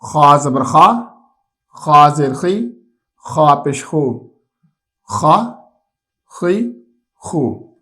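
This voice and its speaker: A man teaching a Quran reading lesson, explaining patiently and slowly drawing out letter sounds to demonstrate them. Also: on the high side. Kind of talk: instructional lesson.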